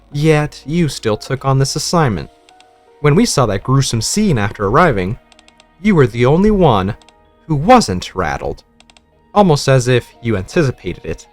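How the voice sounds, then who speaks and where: Man voicing a hard-edged woman soldier, blunt and accusing, lively delivery, faint music under it. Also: mid-range voice, close to an everyday voice. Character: suspicious tough young woman soldier.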